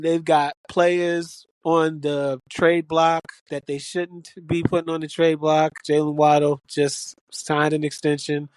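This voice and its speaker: A man's voice: on the high side, dry recording. A man co-hosting a casual sports betting podcast, blunt and opinionated with a teasing edge. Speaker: podcast co-host.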